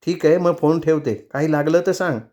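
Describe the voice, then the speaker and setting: A gentle elder sister checks in with quiet concern, as a male storyteller puts her on. The voice is pitched above the reader's own but stays soft. Heard in a novel being read aloud. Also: steady tone, fairly quick, lightly acted.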